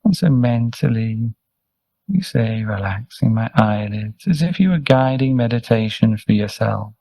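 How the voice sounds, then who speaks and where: Guiding a meditation at a very slow, unhurried pace, a male meditation teacher and Buddhist monk offers calm, step-by-step directions with pauses in between. His medium-pitched voice is mellow and relaxed, edged with a gravelly fry. The audio is poor, though free of echo.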